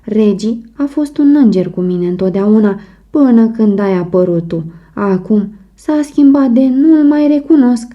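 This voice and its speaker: A woman's voice: animated, lightly acted. A woman narrator voicing a distraught, jealous wife who wails and pleads tearfully. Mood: hysterical pleading. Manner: wailing, pleading, shrill. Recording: muffled audiobook recording.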